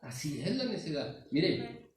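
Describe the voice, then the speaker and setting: Northern mexican guy preaching, kinda high voice, super echoey church hall, mic a bit far off. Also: sing-song, measured pace, a little hiss or hum. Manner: earnest, keeps calling listeners "hermano". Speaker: pastor. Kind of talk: sermon. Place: large church sanctuary.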